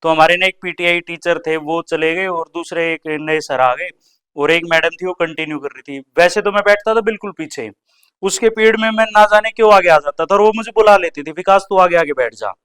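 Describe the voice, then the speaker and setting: This young man does stand-up storytelling about his school days, quickly voicing teachers and classmates. His fairly bright voice, a little high for a man, sounds smooth and clear over the handheld mic.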